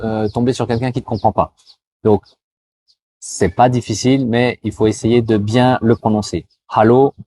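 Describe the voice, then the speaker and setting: A man from France talking casually to the viewer, full of fillers, slowing down to spell out greetings. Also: medium pitch, warm tone, husky. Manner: chatty, addresses viewer as tu, frequent euh fillers; slows down to demonstrate pronunciation. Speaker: vlogger giving advice to cross-border workers. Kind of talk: casual explanatory talk with mini language lesson.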